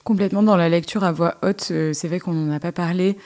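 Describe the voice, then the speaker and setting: A woman on a podcast interview, talking through exam tips in a hesitant way, with many pauses and fillers. Her voice sits somewhat low for a woman. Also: fairly even intonation, a little mellow. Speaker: guest, English specialist.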